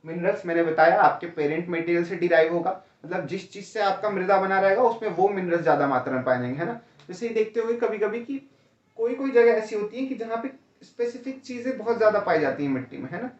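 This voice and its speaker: A male teacher with a high, animated voice and quick pace lectures for an exam, explaining step by step, casually checking in with "है ना?" and "ठीक है?" and calling students "भैया". He sounds far from the mic in an echoey room, on a slightly dull, lo-fi recording.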